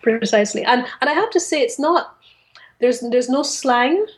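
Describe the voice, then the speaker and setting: A Caribbean woman with a high, animated voice co-hosts a podcast, chatting casually in a literary discussion. She speaks articulately and deliberately, choosing her words with care.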